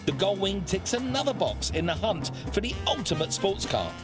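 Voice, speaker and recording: A man narrating a documentary in a high, bouncing voice with plenty of lift and swoop across his range. His scripted delivery is lively and emphatic, and music plays steadily underneath. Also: moderate pace. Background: background music.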